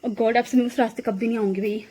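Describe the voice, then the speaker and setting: Speaking fast in a slightly high, dark-toned voice that stays steady, a woman laughs as she relates a frightening experience in a casual phone-camera vlog. The clip moves from an outdoor walk at night to her home.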